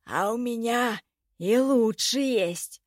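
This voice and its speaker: A woman voicing a sly, slow-talking elf veteran. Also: fairly high pitch, no echo, clean studio sound. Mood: crafty. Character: sly, seasoned male elf warrior.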